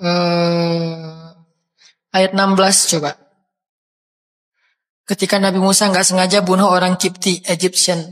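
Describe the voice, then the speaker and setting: Male preacher, casual and expressive sermon storytelling, recorded in a reverberant hall. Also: high voice, measured pace, pauses often. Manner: casual Indonesian preaching with lively acted quotes.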